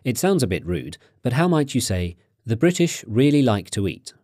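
A man narrating a language course, asking prompting questions and explaining grammar in a clear, instructive way. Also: mid-range voice, big pitch swings, moderate pace, a little mellow, no room sound, clean studio sound.

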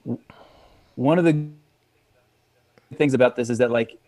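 A man's voice: medium pitch, warm tone, dry recording. Man on a choppy, lagging call. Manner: halting, restarts his sentences. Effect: choppy, lagging remote call audio. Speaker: podcast guest. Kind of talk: casual chat. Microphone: video call.

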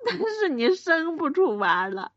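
A woman's voice: very high-pitched, very animated, unhurried, a bit bright, no room sound, full character voice. A woman playing a wronged wife of ten years in a comedic radio skit, speaking, wailing and pleading. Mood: insistent. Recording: dry, dull lo-fi sound.

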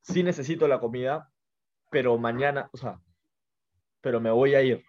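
A man's voice: mid-range voice, normal speed, a little mellow, pitched below the performer's own voice, close to an everyday voice. Man telling of a hungry, freedom-loving wolf. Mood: resolute. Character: starving, tired wolf who prizes freedom. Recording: muffled lo-fi sound.

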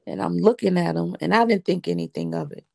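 A middle-aged woman earnestly recounting a personal faith testimony, slow and heartfelt, quoting her own prayers. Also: fairly low pitch, wildly swooping pitch, creaky, a little mellow, dry recording, clean studio sound. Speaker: widow giving a testimony.

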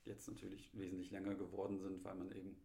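A man from Munich, working as an assistant director, answers interview questions in a hesitant way, full of pauses and filler sounds. His voice is low with a gravelly, creaky edge. It is recorded in an echoey living room. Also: completely flat delivery, mellow. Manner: hesitant, many ums and pauses.

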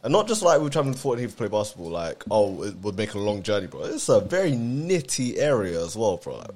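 Low-voiced young London roadman, slangy and sweary. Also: sing-song, fast, a little mellow. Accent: London roadman, multicultural London street. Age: young adult. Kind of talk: casual chat, storytelling with friends.

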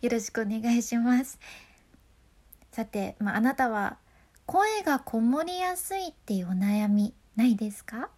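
High, chatty woman with a lilt. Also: very animated, a little slow, a little mellow. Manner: chatty and upbeat, laughs often. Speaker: freelance announcer giving voice tips. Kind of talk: casual voice-training talk.

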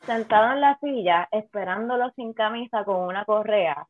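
A woman's voice: mid-range voice, normal speed. Spanglish-speaking woman, phone-like sound. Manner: Spanglish, mixing English words into Spanish. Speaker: panelist in a film discussion. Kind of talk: casual chat, film review. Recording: thin, phone-like, roomy sound.

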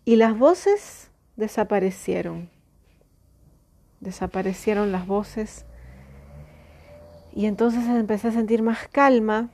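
Mellow, gravelly woman recounting. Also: medium pitch. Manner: reflective, halting, with many restarts. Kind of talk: personal storytelling.

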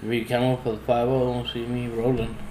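A man's voice: medium pitch, completely flat delivery, fairly quick, darkish tone. A man chatting casually with friends in loose, slangy, streetwise talk peppered with swearing. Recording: roomy echo, faint background noise.

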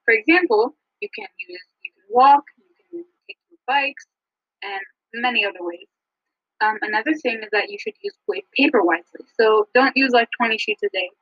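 A woman co-hosting a podcast in a casual, scripted chat with frequent ums, recorded over a low-quality phone line. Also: expressive, normal speed, husky, no room sound. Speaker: podcast co-host. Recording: muffled dry phone-line audio.

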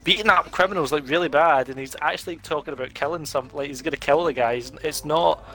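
A man chatting casually over a board game, telling an animated story, laughing often and swearing freely. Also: fairly high pitch, quick pace, soft background music. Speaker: podcast co-host.

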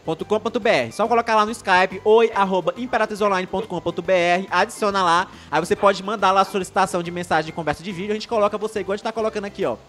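Soft music plays behind this live stream host, a young Maranhão man whose high-pitched, somewhat bright voice holds a steady tone. His Maranhão-accented Brazilian Portuguese comes out rapid-fire with hardly a pause. Chatty and upbeat, he reads comments from viewers, rambles, and keeps starting his sentences over.

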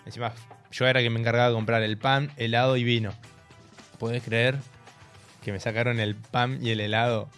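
This is a young man with a Rioplatense accent on a radio talk show. He tells his stories with animated energy and keeps breaking into laughter. A faint music bed plays beneath his voice. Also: mid-range voice, a little fast. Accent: Rioplatense Spanish. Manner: animated storytelling, laughing through it. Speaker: radio co-host. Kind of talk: casual radio chat. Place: radio studio.

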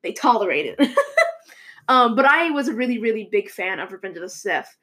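A woman's voice: medium pitch, animated, a little fast, fairly bright tone. A young woman hosting a casual movie news chat, rambling with many fillers and restarts. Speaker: show host.

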